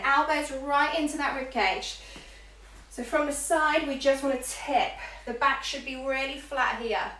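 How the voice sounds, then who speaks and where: A woman's voice: high-pitched, fairly bright tone. A woman working as an aerobics instructor, calling out moves and counts in short, encouraging cues during a live workout. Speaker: fitness instructor leading a live workout class. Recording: echoey room, far from mic, faint noise.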